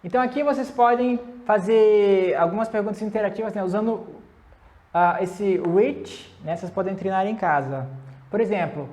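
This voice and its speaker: A Brazilian woman teaching English comparisons. She says the English examples slowly, then explains quickly in Portuguese. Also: mid-range voice, dark tone. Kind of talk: classroom lesson.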